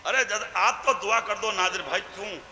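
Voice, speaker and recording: A man preaching a fiery religious sermon, shouting in rising chanted bursts with repeated refrains. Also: high-pitched, slight background noise. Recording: echoey hall with crowd.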